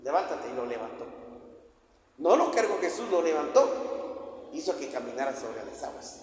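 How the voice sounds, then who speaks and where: A man preaching a sermon, telling the story with repetition and acting out the voices. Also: high-pitched. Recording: echoey hall with faint ambience.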